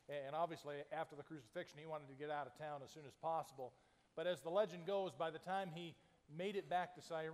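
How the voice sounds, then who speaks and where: A man from Arizona delivers an Easter sermon from the pulpit of a church. His voice sits a little high for a man, and he keeps it relaxed and conversational, dropping in folksy asides as he goes. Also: long reverb tail. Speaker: pastor.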